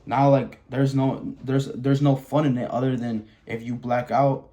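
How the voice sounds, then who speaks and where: A Wisconsin vlogger in his twenties speaks to camera in a candid personal monologue, blunt and open, swearing a lot and often restarting sentences. His mid-range voice has a dark tone and a flat, unhurried delivery.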